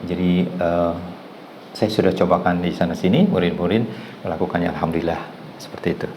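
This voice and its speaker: A middle-aged man with a very low, deep voice teaches a massage class in a storytelling way. He acts out the people in his anecdotes and laughs along the way, with a faint room hum behind him. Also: fairly even intonation, brisk, darkish tone, rough recording. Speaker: massage therapy instructor.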